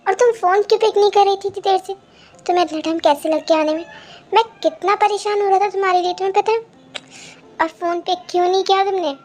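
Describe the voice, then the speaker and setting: A woman's voice: extremely high pitch, fairly even intonation, fast talker, darkish tone. A woman voicing a doting, anxious young husband in a fan audio drama, flustered and fretful. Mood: worried.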